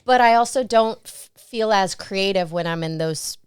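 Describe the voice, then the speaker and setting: A woman's voice: mid-range voice, moderate pace, clean tone, dry recording, clean studio sound. A woman guest in an interview, reflecting on her career in a casual storytelling way and often laughing. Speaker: interview guest, stunt performer and actress.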